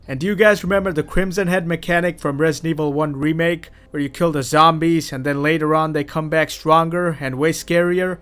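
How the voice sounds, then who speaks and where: A man's voice: on the high side, steady tone, a little fast, hardly any pauses, a bit bright, smooth. A man hosting a casual game review, talking in a blunt, profane and sarcastic way. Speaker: game reviewer, channel host.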